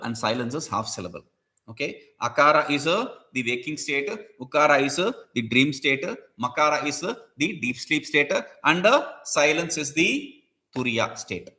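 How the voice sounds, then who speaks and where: Man, scripture lecture, lively up-and-down pitch, bright tone, mixes chanted Sanskrit with explanation. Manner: explains each Sanskrit term in English, chants verses.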